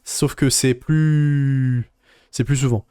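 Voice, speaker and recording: Guy rambling on about his tournament run on stream, smooth voice, answers chat, dry close mic. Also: mid-range voice, slow, no echo. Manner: rambling, animated, reads viewer chat aloud. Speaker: card game player recapping a tournament. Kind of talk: casual live-stream chat.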